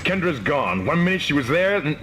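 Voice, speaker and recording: An urgent ship officer through static. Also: male voice, fairly high pitch, big pitch swings, fairly quick. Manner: urgent, clipped orders. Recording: heavy static noise.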